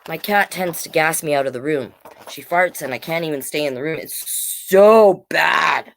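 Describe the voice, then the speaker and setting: Here a woman with a low, gravelly voice leads a children's storytime at an ordinary speed. Her animated picture-book reading is playful and encouraging, dotted with conversational remarks to the kids watching.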